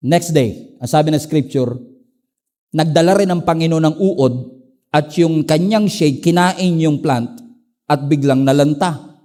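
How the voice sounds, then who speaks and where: A middle-aged man with a Filipino accent, preaching a sermon as a pastor, telling stories with emphatic highs and quiet low asides. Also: unhurried. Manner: animated storytelling, swings between emphatic highs and low asides.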